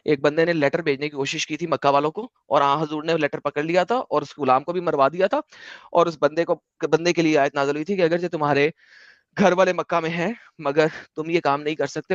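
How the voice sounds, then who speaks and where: A man hosting an online debate, lecturing forcefully and dropping English phrases into his speech. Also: fairly high pitch, fast talker, dry recording, dull audio. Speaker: debate host.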